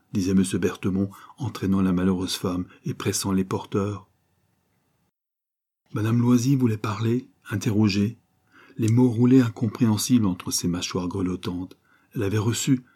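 A man reading a nineteenth-century novel aloud in a measured, dramatic way, lifting his voice for the quoted cries. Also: fairly low pitch, warm tone, breathy edge. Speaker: audiobook reader. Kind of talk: scripted narration of a novel.

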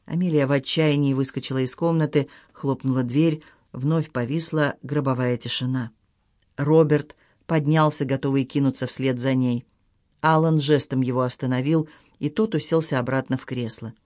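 A man reading a dramatic novel aloud as audiobook narrator, in a measured storytelling delivery. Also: mid-range voice, steady tone, darkish tone, dry recording, studio quality. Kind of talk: scripted narration.

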